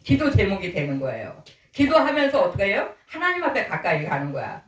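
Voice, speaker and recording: A woman's voice: mid-range voice, sing-song, fairly quick, fairly bright tone. A middle-aged woman pastor preaching a conversational sermon, asking her congregation questions and acting out little quotes. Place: small church sanctuary. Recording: echoey church hall, distant mic.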